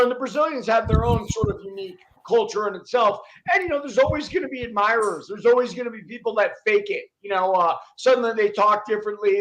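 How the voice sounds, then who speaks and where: A man's voice: high voice, a bit bright, slight background noise, rough recording. A man in his forties from near New York, chatting casually about MMA, laid-back, with many "you know"s. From New York area, US East Coast. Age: 40s. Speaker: podcast co-host. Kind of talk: casual sports talk.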